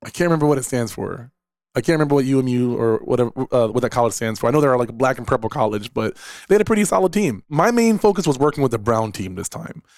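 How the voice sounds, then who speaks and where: A man's voice: medium pitch, very animated, fast, darkish tone, dry recording, clean studio sound. A man, hosting a casual solo podcast and talking in a rambling way with repeated words and fillers. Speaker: podcast host and esports director.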